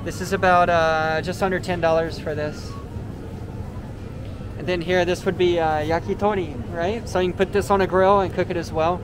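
A man with a high-pitched voice and a moderate pace hosts a vlog, casually explaining products as he walks through a large indoor supermarket. He sounds relaxed and explanatory, using "uh" often, as if giving a walking tour. His handheld camera mic picks up the noisy store ambience around him.

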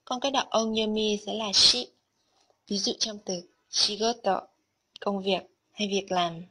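A woman's voice: medium pitch, unhurried, sharp tone, husky. A woman narrating a scripted Japanese lesson, carefully explaining vocabulary and kanji one item at a time. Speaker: Japanese language teacher.

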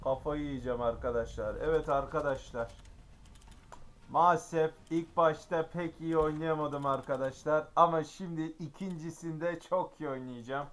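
A man commentating his own gameplay, excitable and frequently exclaiming and grumbling at the game. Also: fairly high pitch, normal speed. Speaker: gaming YouTuber.

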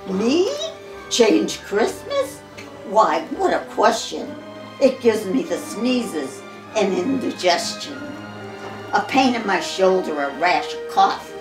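A woman's voice: very animated, slow pace. Woman doing a grumpy Santa Claus. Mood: indignant. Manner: booming, stern and complaining. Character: grumpy indignant Santa Claus, old man. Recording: echoey room, far from the mic, music behind.

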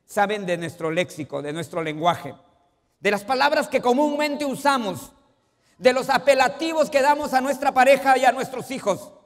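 A man delivers a sermon in a high, lifted voice. He quizzes his listeners and moves from forceful emphasis to quiet asides. His words trail off into the long reverb of a church hall. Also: moderate pace. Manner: asks the congregation questions, swings between loud emphasis and quiet asides. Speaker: pastor. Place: church sanctuary.

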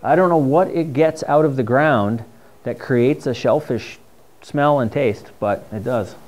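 In a dim classroom with a projector screen, a middle-aged man with a New England accent gives a casual, enthusiastic slide talk on mushroom foraging. His medium-pitched voice is darkish and a bit slow, and the sound comes from a far camera.

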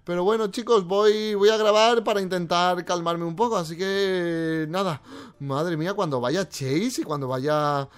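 Excitable high-voiced young man narrating gameplay. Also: unhurried, smooth. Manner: excitable, stammering, talks to viewers. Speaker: gaming role-play host. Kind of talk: Minecraft role-play narration to viewers.

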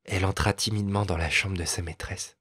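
Husky low-voiced male storyteller. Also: fairly even intonation, fairly quick, fairly bright tone, no room sound, clean studio sound. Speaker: audiobook narrator. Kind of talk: storybook narration.

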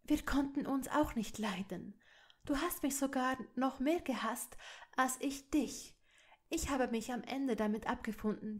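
A woman reads a soft-spoken noblewoman in a fan audiobook, earnest and pleading. Her voice sits somewhat high and unhurried. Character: gentle pleading noblewoman, wife and mother. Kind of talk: audiobook reading of fan fiction.

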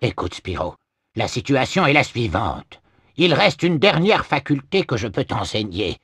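An actor playing a big, sly, money-grubbing bear merchant with unhurried, smugly genial sales patter in a video game. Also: male voice, mid-range voice, big pitch swings, a bit bright, a little hiss or hum. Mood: smug, instructive. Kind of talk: cartoonish video game acting.

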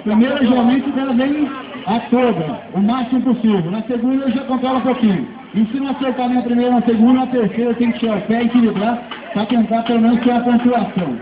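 A man's voice: extremely high pitch, fast talker. A Brazilian man doing live motorsport commentary as an event announcer, mixed with informal, chatty banter for the crowd. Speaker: event announcer at a drift show. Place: outdoor race track, heard from the spectator stands. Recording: muffled, echoey, distant PA amid loud engine noise. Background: loud car and vehicle noise.

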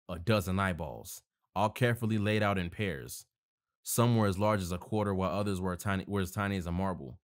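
A man narrating a horror story, reading casually with self-corrections and joking asides. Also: low-pitched.

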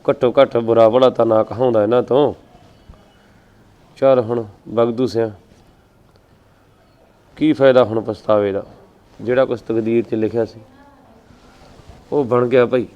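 An actor playing a complaining bachelor uncle in a Punjabi village family drama, speaking with a Punjabi accent. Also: male voice, a little high, a little fast, smooth, muffled recording, natural voice. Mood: self-pitying. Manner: complaining, self-pitying.

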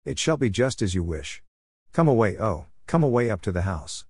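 A man's voice: on the low side, big pitch swings, moderate pace, a little mellow, breathy edge, no room sound, studio quality, heavily acted. A man voicing a frightened young wife who pleads desperately, in an audiobook reading. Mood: relieved.

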